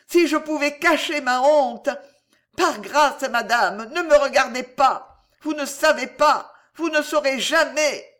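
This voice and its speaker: A frightened, half-mad young woman, as a female reader puts her on, her voice climbing high and loud. She pleads breathlessly and slowly, each phrase drawn out in anguish. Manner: breathless, imploring, rising to cries. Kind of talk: audiobook reading.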